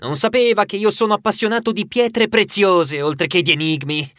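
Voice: medium pitch, normal speed, fairly bright tone, no room sound, studio quality, natural voice. A performer voicing a clever young male mouse who loves puzzles, explaining things earnestly in an audiobook. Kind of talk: audiobook character voice.

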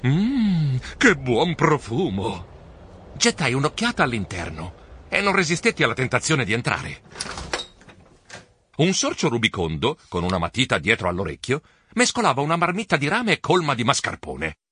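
Bright, animated male storybook narrator. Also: mid-range voice, a little fast. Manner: animated, expressive reading. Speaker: audiobook narrator. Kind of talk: first-person storybook narration.

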